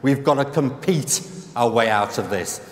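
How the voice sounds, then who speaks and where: A man's voice: mid-range voice, moderate pace. A middle-aged man from the UK giving an emphatic conference keynote as an economist, using rhetorical questions and repeated punchlines, on a large stage with a headset mic. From United Kingdom. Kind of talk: conference speech. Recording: roomy hall reverb.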